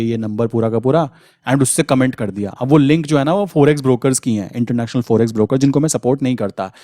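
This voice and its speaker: Male trading teacher, casual talk to camera, mid pitch, dry close mic. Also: darkish tone, no echo. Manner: conversational, addresses viewers as brother, frequent "thik". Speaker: trading educator. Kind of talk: casual screen-share trading lesson.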